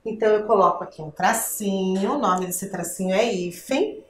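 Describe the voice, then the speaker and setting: A woman's voice: medium pitch, moderate pace, roomy sound, slight background noise. A woman teacher with a Brazilian Portuguese accent, giving a patient lesson to children and asking the viewer questions.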